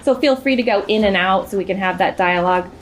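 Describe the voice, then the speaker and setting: A woman's voice: medium pitch, fast, slight background noise, rough recording. A woman leading a school tour, briefing a visiting group in a projected, friendly teacher voice with frequent fillers. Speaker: education project leader guiding a tour.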